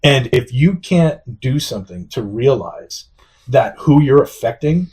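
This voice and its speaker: Husky-voiced man in candid chat. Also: medium pitch, animated, darkish tone. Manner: halting, frequent restarts and fillers; self-described sarcastic. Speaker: podcast host.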